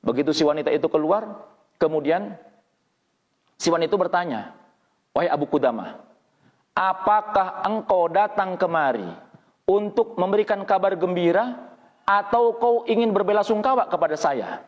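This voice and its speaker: A man preaching at a study gathering, retelling a story dramatically, his pitch rising and falling as he quotes the people in it. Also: animated, normal speed, long pauses. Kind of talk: storytelling sermon. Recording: dull lo-fi audio with long hall reverb.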